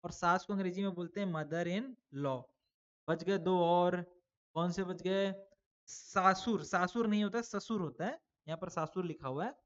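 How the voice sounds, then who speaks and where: A man teaches a class of children in a relaxed, chatty way, posing questions and answering them himself. His recording sounds a little dull and lo-fi. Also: high voice, normal speed, smooth. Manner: chatty, addresses pupils as "beta". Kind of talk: online exam-prep lesson for children.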